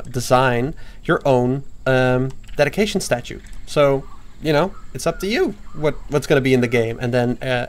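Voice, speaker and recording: A young male game developer chats casually as he live-streams his own game, sounding excitable and playful and using plenty of fillers. His voice sits at a medium pitch.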